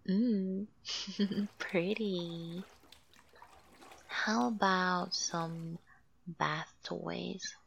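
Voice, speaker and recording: A woman voicing a doting, coaxing mother figure in an audio roleplay. She speaks softly and drifts into whispers. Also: on the low side, fairly even intonation, gravelly, a little hiss or hum, exaggerated voice. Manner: slow, soothing, coaxing with soft laughs. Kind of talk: soft-spoken audio roleplay, half whispered. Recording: dull lo-fi recording.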